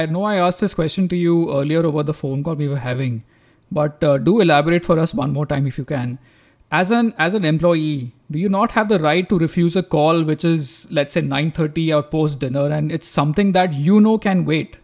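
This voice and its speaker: Higher-pitched male host. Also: darkish tone. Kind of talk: conversational interviewing.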